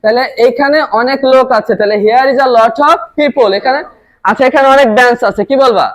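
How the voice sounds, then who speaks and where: A woman teaching an English class in a school classroom, repeating phrases slowly and calling out loudly to drill the students' pronunciation. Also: on the high side, slight background noise, poor audio. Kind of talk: classroom lesson.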